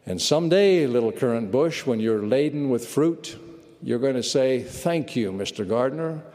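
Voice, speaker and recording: An earnest older man speaks firmly of pruning and of hard lessons, as a preacher quotes him. His words carry a long reverb, like a voice in a large hall, at a middle pitch. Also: expressive, moderate pace, mellow, natural voice. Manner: earnest, firm quoted storytelling. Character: firm older male gardener, later humbled.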